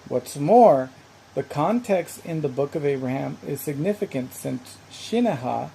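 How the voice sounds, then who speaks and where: A measured, explanatory narrator delivers scripted educational narration in a warm, mellow tone. A faint hiss sits behind the voice. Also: mid-range voice, expressive, creaky, rough recording.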